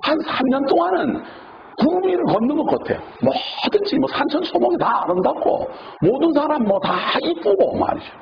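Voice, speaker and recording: A man preaching a sermon as pastor has an extremely high-pitched, creaky voice at normal speed. He is animated and acts out the words of the people he quotes, and the recording is dull, noisy and lo-fi.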